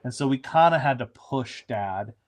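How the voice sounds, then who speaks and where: A man's voice: medium pitch, animated, normal speed. A man, a showrunner, chatting casually in an interview, rambling with frequent restarts and fillers.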